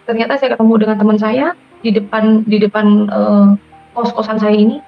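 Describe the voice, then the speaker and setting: A woman's voice: medium pitch, little pitch movement, brisk, gravelly. Madurese-accented woman giving an emotional testimony. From Madura, Indonesia. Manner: emotional, addresses listeners as "Saudara". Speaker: testimony giver. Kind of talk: personal testimony. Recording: dull lo-fi audio with faint music.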